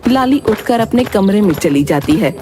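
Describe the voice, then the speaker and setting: A woman giving scripted narration for a cartoon story in a plain, steady manner. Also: mid-range voice, normal speed. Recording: voice over background music.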